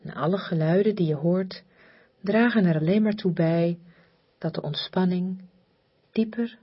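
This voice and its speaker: A woman guides a relaxation exercise in a very breathy, soft voice that often sinks toward a whisper. She speaks slowly and hypnotically, soothing and repetitive, leaving long pauses. Her pitch is on the low side, and the recording is slightly muffled.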